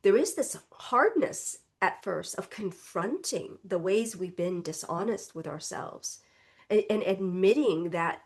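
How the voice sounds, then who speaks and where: Her mid-range voice sounds congested from an illness she's recovering from as this reverend and spiritual teacher delivers a reflective Sunday talk. She speaks gently and frequently tags her remarks with "right?".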